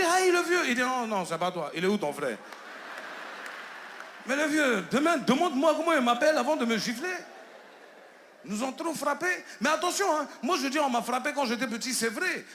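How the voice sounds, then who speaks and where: A man in his thirties with an Ivorian French accent performs stand-up comedy on a theater stage. His voice is very high, and he tells stories using animated voices for the characters he quotes.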